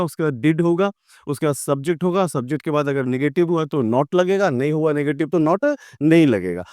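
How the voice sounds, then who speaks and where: Brief: male grammar tutor, fairly high voice, patient step-by-step explainer, dry close recording. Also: darkish tone, dry recording. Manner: explains step by step with repeated checks. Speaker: English grammar teacher. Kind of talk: classroom lecture.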